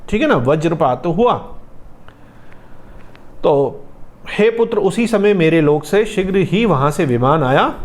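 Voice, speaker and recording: A man teaching about scripture in a patient, explanatory way, slowly chanting mantras as examples. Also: a little high. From India. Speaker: spiritual teacher.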